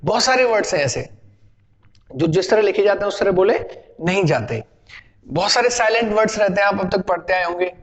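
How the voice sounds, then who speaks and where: A man's voice: sits high, expressive, a little fast, long reverb tail. A man teaching a spoken English lesson, explaining patiently and asking and answering his own questions. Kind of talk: classroom lesson.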